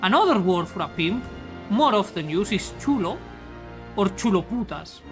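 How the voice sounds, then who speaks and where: A woman's voice: medium pitch, lively intonation, normal speed, soft background music, low-quality recording. Joking Spanish-accented woman streamer. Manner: rambling, crude, joking. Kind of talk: casual chat while gaming. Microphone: studio mic with pop filter.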